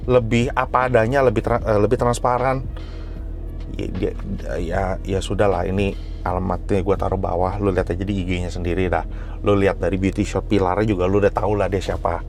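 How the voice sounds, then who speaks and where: A man's voice: fairly low pitch, a little mellow. A man hosting a car audio review in casual, slangy chat. He is emphatic, and his voice jumps up sharply when he makes a point.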